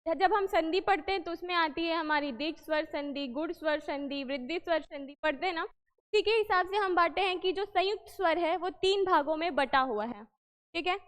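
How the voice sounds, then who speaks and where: Woman teacher with a very high voice, patient and repetitive, keeps quizzing you, big echoey hall. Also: normal speed, fairly bright tone. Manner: explains patiently, repeats and quizzes the listener. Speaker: Hindi teacher. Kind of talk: exam-prep lesson.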